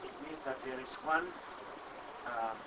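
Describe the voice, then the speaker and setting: A man interviewing, asking a question in a tentative, halting way. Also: mid-range voice. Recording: distant with loud background noise.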